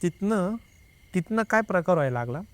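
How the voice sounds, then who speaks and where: A young man's voice sits high and moves briskly, with no echo around it. He's a guest sharing a personal experience in easygoing talk, animatedly acting out conversations and repeatedly saying "I said."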